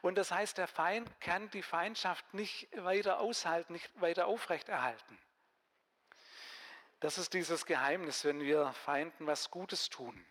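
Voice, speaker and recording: A man's voice: a little high, measured pace, fairly bright tone. A man giving a conversational sermon, reading a Bible passage and asking his listeners questions. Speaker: preacher. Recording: long hall reverb.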